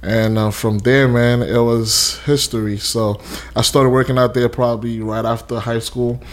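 A man's voice: medium pitch, little pitch movement, normal speed. A young man from Haiti, talking casually in an interview, rambling with fillers and restarts. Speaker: interview guest, custom suit maker.

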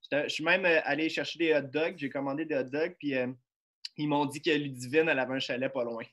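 A man's voice: on the high side, steady tone, quick pace, a bit bright. A man with a Quebec French accent telling casual stories and bantering with friends.

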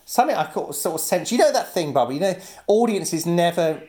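Chatty, laughing male storyteller with lively pitch. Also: quick pace. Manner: chatty storyteller, laughs often, acts out quoted voices. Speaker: guest, actor and comedian. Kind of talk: casual chat.

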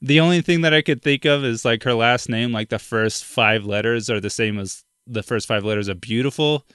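A man's voice: mid-range voice, moderate pace, fairly bright tone, clean tone, no room sound. Chatty young man, dry close sound. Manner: chatty, lots of "like" and "dude", laughs often. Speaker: podcast co-host. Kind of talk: casual film discussion chat.

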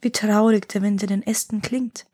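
A woman's voice: medium pitch, steady tone, normal speed, dark tone, lightly acted. A woman voicing a trusting young prince who speaks earnestly and asks questions. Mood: wondering.

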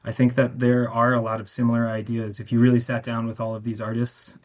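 A man talks as a guest on a radio interview about the festival he curates. He speaks thoughtfully, pausing with fillers at an ordinary pitch. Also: monotone. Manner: thoughtful, hesitant, many fillers.

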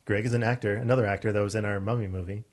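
A man's voice: fairly low pitch, steady tone, very fast. A man co-hosting a casual podcast chat about acting and production. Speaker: podcast co-host.

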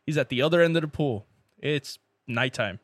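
A man's voice: mid-range voice, lively intonation, normal speed, no room sound, studio quality. A man telling bawdy stories casually among friends, slangy and sweary, often saying bro and dude. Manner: slangy, profane, peppers talk with "bro" and "dude".

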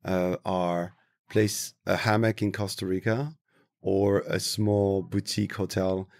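A low, gravelly man from Tunisia speaks as an interview guest. He is reflective and unhurried, pausing to search for his words. The recording is dry and close. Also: flat delivery, a little mellow, dry recording. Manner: thoughtful, slow, searching for words. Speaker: interview guest, travel industry professional.

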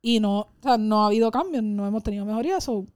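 A woman's voice: mid-range voice, fast talker, a little mellow, clean tone, no room sound. A woman telling workplace anecdotes in casual conversation, now and then slipping English words in. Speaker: podcast co-host. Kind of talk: casual storytelling chat.

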